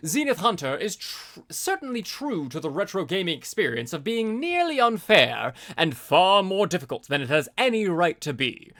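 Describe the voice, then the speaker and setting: Mixing read-aloud passages with relaxed live commentary, this streamer keeps throwing in informal asides full of swearing. The voice is bright, the pitch swings lively, and the speed is normal with hardly any pauses.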